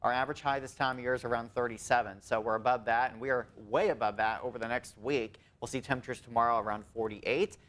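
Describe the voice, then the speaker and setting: A man's voice: mid-range voice, fairly even intonation, quick pace, few pauses, fairly bright tone. A man co-hosting a local morning TV show, reading news items and the weather forecast, often breaking into laughter.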